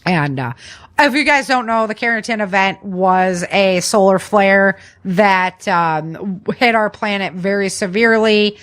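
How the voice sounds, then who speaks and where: At a slightly slow pace, a woman with a medium-pitched, somewhat bright voice hosts a podcast. Her manner is informal and chatty as she goes over the news, doubling up words for emphasis.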